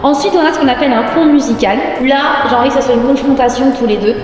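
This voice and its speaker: A woman's voice: high voice, rapid-fire, a little mellow, far from the mic. A young woman walks through choreography as a dance coach in an echoey, noisy studio. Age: young adult. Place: large indoor dance studio.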